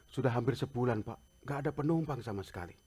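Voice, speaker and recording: A man's voice: mid-range voice, expressive, quick pace, mellow, husky, pitched below the performer's own voice. A man voicing a poor pedicab driver who keeps begging for a passenger, in a humble, plaintive tone. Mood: pleading. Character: poor pleading middle-aged male pedicab driver.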